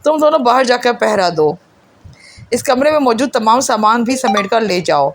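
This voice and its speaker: A woman's voice: fairly high pitch, lively intonation. A woman voicing a stern, ruthless male secret agent giving harsh, clipped orders. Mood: flat.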